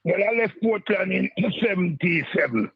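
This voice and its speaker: Husky Jamaican caller on a muffled line. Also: male voice, high-pitched, normal speed. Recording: muffled phone call into radio.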